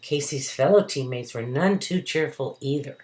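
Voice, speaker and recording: Low-voiced woman reading dramatically to children, roomy echo. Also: normal speed, darkish tone. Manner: dramatic, emphatic delivery with acted character voices. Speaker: storyteller reading a picture book to children. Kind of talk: expressive read-aloud of a verse story for children. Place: indoors at home. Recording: roomy, echoey home recording.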